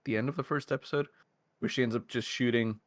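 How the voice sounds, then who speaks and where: A man's voice: medium pitch, fairly even intonation, quick pace, no room sound, studio quality. A man in his thirties co-hosting a podcast, chatting casually and thinking aloud with many fillers. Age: 30s. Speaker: podcast co-host. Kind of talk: casual chat.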